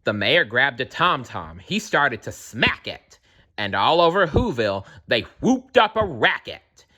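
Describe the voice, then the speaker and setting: Lively man reading a rhyming book. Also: medium pitch, unhurried. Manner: playful, rhythmic rhyming read. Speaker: storybook reader. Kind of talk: reading a picture book aloud.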